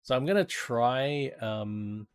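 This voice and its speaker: A man's voice: mid-range voice, expressive, takes it slowly, no echo. An Australian man streaming games, chatting in a casual, rambling, laid-back and sweary way. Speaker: game streamer. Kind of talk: casual rambling livestream chat.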